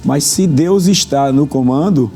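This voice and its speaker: A man's voice: on the high side, a little slow, warm tone, soft background music. A man hosting a religious talk program as pastor, preaching fervently and repeating phrases for emphasis.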